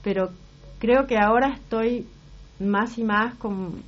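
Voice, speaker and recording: Speaking slowly in a rather high voice, this middle-aged woman from Uruguay, an actress and singer with a Rioplatense Spanish accent, gives considered answers in a casual interview. She frequently starts her sentences over, and the broadcast sound is slightly muffled.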